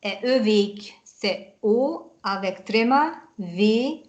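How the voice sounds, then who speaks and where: A woman's voice: mid-range voice, expressive, slow pace, muffled recording. A woman teaching Hungarian over a video call, patiently spelling words out letter by letter and correcting her student.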